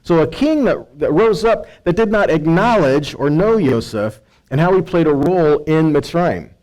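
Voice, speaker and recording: The speaker is an American man giving sermon-like Bible teaching, reading verses and unpacking them in a conversational way. He poses rhetorical questions and frequently says "right" and "okay" to check in. His voice is a little high and darkish, with lively intonation at normal speed, on a rough recording.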